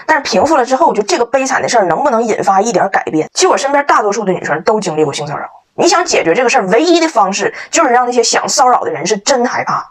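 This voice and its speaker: Woman vlogger, husky, animated delivery, emphatic and joking. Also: fairly high pitch. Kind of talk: casual storytelling monologue.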